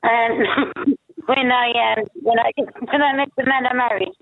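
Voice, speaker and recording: A woman's voice: fairly high pitch, fairly even intonation, normal speed. A woman calling in to a radio phone-in, chatty and laughing, on a muffled bad phone line that makes her sound like she is at the bottom of a well. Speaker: caller. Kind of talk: phone-in chat.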